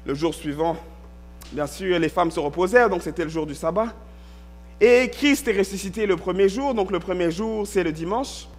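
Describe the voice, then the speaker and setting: An animated pastor with a notably high voice for a man preaches a sermon from a church pulpit. He reads scripture aloud, then breaks it down in small, methodical steps, frequently saying "ok" to check in with his listeners.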